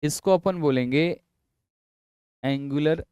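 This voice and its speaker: A man teaching physics in a classroom lecture. He explains slowly and repeats himself, coaxing his students along. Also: on the high side, warm tone, clean tone, no room sound, muffled recording. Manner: drawn-out, repetitive explaining, coaxing students with "yaar" and "bhai".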